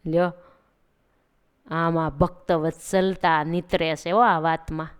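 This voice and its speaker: Clear-voiced woman telling a devotional story. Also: sits low, a little slow. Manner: lively, addresses listeners directly.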